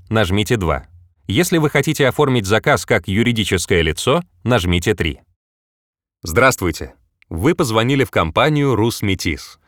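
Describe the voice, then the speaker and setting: Man's phone menu voice, lively intonation, dry. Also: lowish voice, no echo. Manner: formal, clearly scripted announcing. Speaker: voice-over announcer for phone menus. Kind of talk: scripted phone menu voice, recorded greetings.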